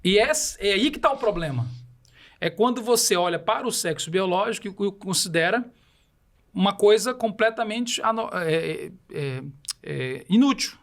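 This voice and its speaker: High-pitched and animated, with a creaky quality and a fairly bright tone, a podcast guest from Belém do Pará, Brazil, speaks at a moderate pace. He explains ideas in Paraense-accented Brazilian Portuguese, taking a didactic tone and asking rhetorical questions as he goes.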